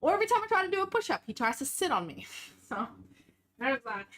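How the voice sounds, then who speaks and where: A woman's voice: high-pitched, very animated, quick pace, a bit bright. A woman streamer chatting casually and swearing while out of breath from exercise. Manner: casual, laughing, swears a lot.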